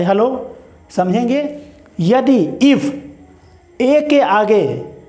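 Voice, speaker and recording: High-voiced Indian man teaching English words. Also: warm tone, reverberant. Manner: repeats words slowly and drawn out, asks "what is it?". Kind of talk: spoken pronunciation lesson.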